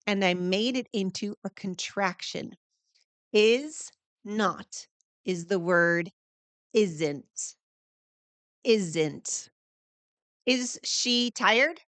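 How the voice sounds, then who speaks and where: A woman teaching a beginner English grammar lesson, speaking slowly and deliberately and drawing out each example answer. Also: mid-range voice, a bit bright, no room sound.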